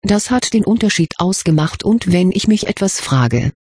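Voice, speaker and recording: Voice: medium pitch, animated, normal speed, darkish tone, breathy edge, no room sound, clean studio sound. Reader voicing a brooding, doubtful schoolboy. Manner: subdued, musing.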